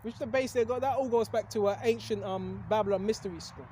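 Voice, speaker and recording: Talking fast in a high voice against a noisy background, a man preaches a loose, casual monologue to his video viewers. Rhetorical questions and repeated "right?" fill it, and hiccups interrupt him occasionally.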